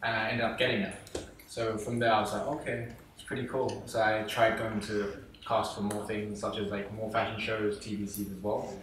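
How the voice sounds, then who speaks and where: A man's voice: on the low side, moderate pace, recorded from a distance, a little hiss or hum. A young man from England, a guest on a talk show, chatting casually and rambling with lots of fillers, recorded in an echoey room away from the mic. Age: young adult. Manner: relaxed, rambling, many fillers. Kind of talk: casual interview chat.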